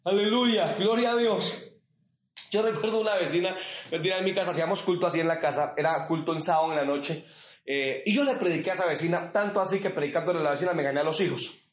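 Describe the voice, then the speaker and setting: Male pastor in his 40s, high voice, lots of room echo, yells the big lines and goes quiet telling stories. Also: quick pace. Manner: emphatic, swings from shouted exhortation to quiet storytelling. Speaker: preacher. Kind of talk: sermon. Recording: echoey church room.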